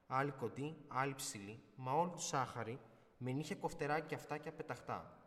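A man's voice: mid-range voice, fairly bright tone, big-room sound. A man narrating a folk tale expressively, with occasional small restarts. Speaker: storyteller.

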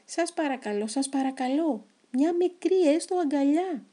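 A lonely little spiky creature from a storybook, put on by a woman reading aloud. He asks for things politely and pleads in a raised, warm voice. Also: fairly high pitch, lightly acted. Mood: begging.

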